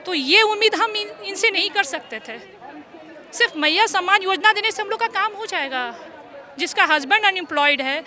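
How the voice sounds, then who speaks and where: A woman's voice: very high voice, bright, forceful tone. A woman in her forties, an exam candidate, making an emotional, indignant plea in a street interview outdoors. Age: 40s. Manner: pleading, indignant.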